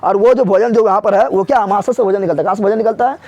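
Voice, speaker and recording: Lo-fi audio with no room sound captures a man's high-pitched, slightly mellow, rapid-fire voice. He's teaching a class in a room with a board, asking each question and then drilling the answer several times over, speaking colloquially with regional Bihari expressions.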